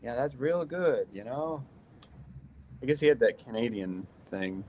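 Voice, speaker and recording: A cartoonist co-hosting a casual livestream chat, easygoing and quick to agree. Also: male voice, medium pitch, lively intonation, a little mellow, a little hiss or hum. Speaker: cartoonist and co-host.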